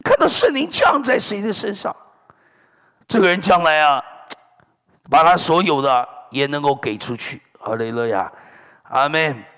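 A man's voice: a little high, normal speed, long pauses. A middle-aged male pastor preaching a sermon, telling stories with lots of energy and dropping in hallelujahs and amens. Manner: animated storytelling preacher, sprinkling hallelujahs and amens. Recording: long hall reverb.

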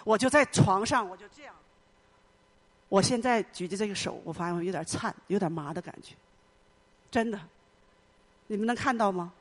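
A woman's voice: mid-range voice, moderate pace, long pauses. A middle-aged woman giving an emotional personal testimony in church, telling her story earnestly and with much repetition. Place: church hall.

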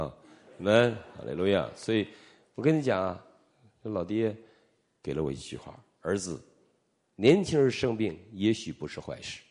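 A middle-aged man from Northeast China, a preacher telling his testimony in a sermon and acting out the dialogue as he goes. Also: sits low. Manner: animated storytelling, acting out dialogue.

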